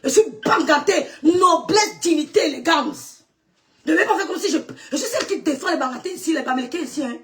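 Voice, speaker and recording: A woman from Cameroon delivering a heated, defiant monologue aimed at her critics, trading insults and switching between mocking laughter and shouting. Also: high voice, animated, brisk. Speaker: online content creator.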